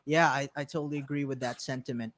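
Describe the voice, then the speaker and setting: A man's voice: medium pitch, fairly even intonation, fast, a bit bright, dry recording. A man hosting an interview, agreeable and loose, asking his questions with fillers along the way. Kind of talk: casual interview.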